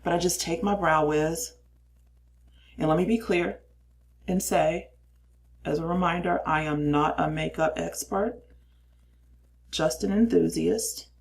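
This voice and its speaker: Chatty older woman with a gravelly voice. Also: lowish voice, a little slow, pauses often. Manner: chatty, self-deprecating, explains as she goes. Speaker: makeup reviewer. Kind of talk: casual makeup tutorial. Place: cramped little space.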